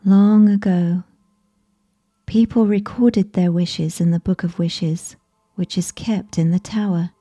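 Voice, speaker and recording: A woman narrating a bedtime sleep story in a soft, soothing, whispery ASMR voice, breathy and right in the listener's ear. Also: fairly low pitch, fairly even intonation. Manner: slow, soothing, gentle.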